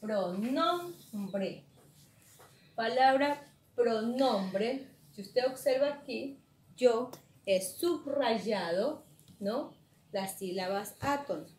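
A woman teacher giving a slow, patient classroom lesson and checking in with her students through frequent questions. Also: on the high side, darkish tone. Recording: echoey room, faint ambience.

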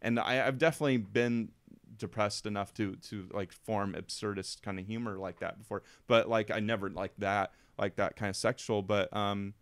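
A podcast co-host with a lowish, steady voice talks at normal speed in a smooth recording with no echo. He chats casually about a film in a rambling, emotional way, using lots of fillers.

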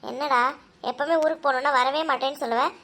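Woman doing a chill cartoon mom, highish voice, explains stuff to the kids. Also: steady tone, fast, a bit bright. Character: patient mother of two kids.

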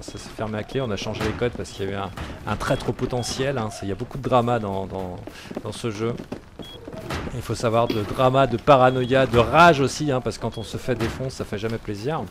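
A man's voice: mid-range voice, a little fast, background noise. A man giving casual gameplay commentary as a gaming YouTuber, talking in a chatty, hesitant way full of fillers.

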